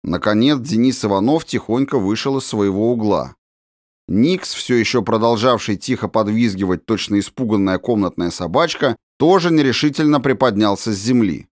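A male narrator reads a children's story with a lively, expressive delivery. His voice moves a lot in pitch and tells the story dramatically. The recording is dry and close. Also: normal speed, dry recording. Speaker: audiobook narrator.

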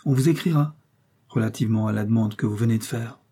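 A man reading the lines of a proud, calm young princess, speaking with cool, polite reserve. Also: lowish voice, fast, breathy edge.

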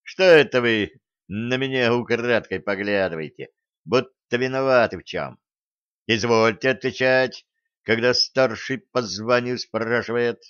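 A man's voice: mid-range voice, expressive, measured pace, a bit bright, no echo. A man voicing a jovial, brash staff captain who banters in old-fashioned courtly speech, on a dry, slightly dull recording. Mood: bantering.

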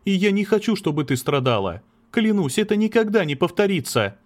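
A man's voice: high-pitched, sing-song, a little fast, voice pushed up. A man voicing an anxious, lovesick young man who pleads earnestly, in an audiobook. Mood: pleading. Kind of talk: audiobook character reading.

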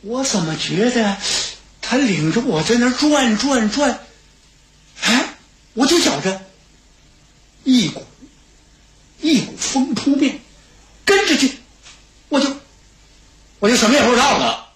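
A man's voice: very high voice, big pitch swings, a little slow, pauses often, a bit bright, reverberant, a little hiss or hum, pitched above the performer's own voice, heavily acted. A male storyteller voicing a brash, cheeky young warrior-heir in a mock-familiar tone. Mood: puzzled.

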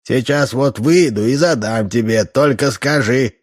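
A man's voice: medium pitch, unhurried, voice pushed up, lightly acted. A man voicing a drunk, boastful old troublemaker with a tipsy tenor voice. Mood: drunken bragging. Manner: slurred, boastful, belligerent.

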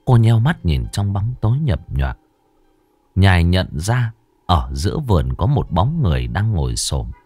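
A man narrating an audio story in a measured, expressive way. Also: sits low, dry recording.

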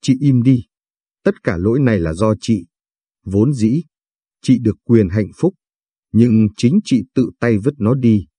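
A man's voice: mid-range voice, a little slow, pauses often, dark tone, slightly rough, no echo. A man voicing a desperate, pleading young mother. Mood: angry. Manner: pleading, imploring.

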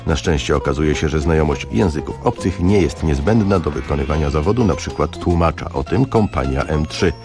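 A male radio host giving a dry, measured scripted introduction. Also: extremely low pitch, over music.

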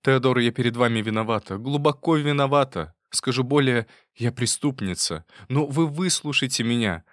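A man's voice: medium pitch, moderate pace, hardly any pauses, a bit bright, dry recording, voice pushed up, lightly acted. A man voicing a remorseful young wife who begs her husband for forgiveness, for a dry audiobook reading. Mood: pleading.

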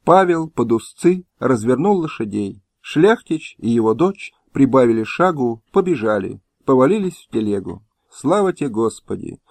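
A man reading a historical audiobook in measured storytelling narration, recorded at home on a close mic. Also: medium pitch, sing-song, a little mellow, no echo. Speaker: audiobook reader. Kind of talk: scripted narration. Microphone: close, dry home recording.

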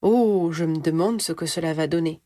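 A teasing young wife with a high, mischievous lilt, as a woman reading the story puts her on. She sounds playful and lively. The sound is dry and close. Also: moderate pace, dry recording, lightly acted.

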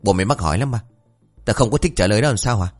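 A man doing a surly old villager, rude, fast, loud, animated. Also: on the low side. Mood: snappish. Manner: snappish and rude.

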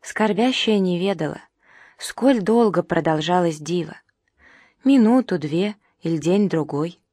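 A woman narrating a novel as an audiobook reader, reading rhythmic, archaic prose in a measured, solemn way. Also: lowish voice, expressive, mellow, dry recording, clean studio sound. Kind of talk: scripted literary narration.

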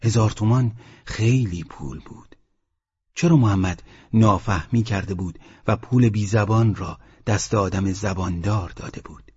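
A man narrating a novel as an audiobook in a low, subdued reading. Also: dark tone, slightly rough, dull audio. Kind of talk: scripted literary narration.

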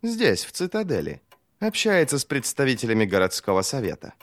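A cool, dry-spoken woman in an audiobook , read by a man in his own voice. She answers calmly, with an even, mid-pitched delivery. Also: a little fast, dry recording. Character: cool, sharp-tongued woman adviser.

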